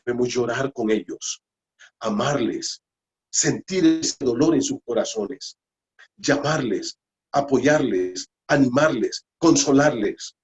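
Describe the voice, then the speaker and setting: Male Honduran pastor, Bible-study sermon, dynamic hushed-to-emphatic preaching. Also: medium pitch, animated, slow, rough recording. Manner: preacherly, swings between hushed and emphatic, addresses listeners as brother.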